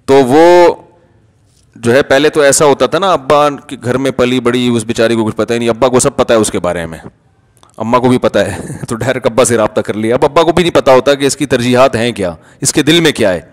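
A male cleric gives a Friday sermon, answering questions from the congregation. He explains in a conversational, patient way and argues each point with everyday examples. His voice sits at a middle pitch, and a long reverb from the large hall trails after his words.

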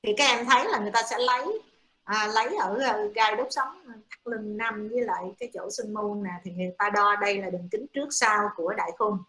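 A woman's voice: medium pitch, brisk, sharp tone, a little hiss or hum. A woman giving a classroom lecture to students, explaining step by step with many hesitant fillers. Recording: echoey room.

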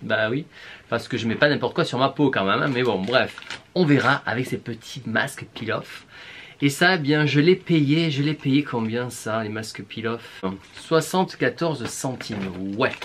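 A man's voice: mid-range voice, normal speed, fairly bright tone, slight background noise. Male vlogger, southern French accent, playful and exclamatory, mid-range voice. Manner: chatty, playful, exclamatory, talks straight to viewers. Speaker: beauty vlogger. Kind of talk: casual shopping haul vlog.

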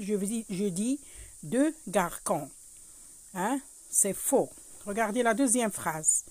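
A woman's voice: mid-range voice, a little mellow, no echo. A woman teaching a French lesson to children, patiently going over each point again and checking in with "hein".

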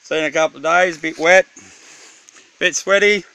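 Here an Australian camper, fairly high-pitched and pushed and bright in tone, moves at a moderate pace through a handheld video tour of his bush campsite. He jokes in slang and swears freely. There's no room sound, though the outdoor phone or camera recording has clear background noise.

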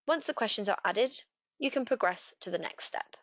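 A woman gives a scripted software walkthrough in a steady, clear voice. The recording is dry, with no room sound. It is also a little dull in tone. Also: mid-range voice, moderate pace, dry recording. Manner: steady, clear step-by-step instruction. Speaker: customer success manager. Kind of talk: scripted software tutorial narration. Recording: dry, slightly dull voice-over.

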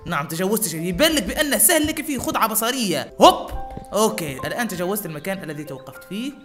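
A gaming YouTuber giving live gameplay commentary, excitable, muttering prayers under their breath and talking straight to viewers. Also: mid-range voice, racing, faint music behind.

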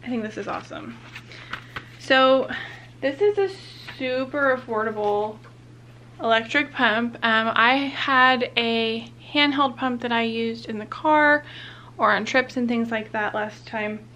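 A woman's voice: on the high side, unhurried, pushed and bright, a little hiss or hum. A young woman, heavily pregnant and a bit out of breath, chatting casually through a product unboxing as a vlogger. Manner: chatty, upbeat.

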